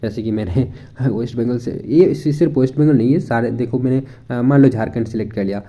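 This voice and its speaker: A young man from India talks viewers through a website in an easygoing, conversational way. His voice is very dark and mellow. He thinks aloud as he goes, mixing Hindi and English and pausing on fillers. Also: medium pitch. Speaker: education YouTuber. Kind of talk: casual screen walkthrough.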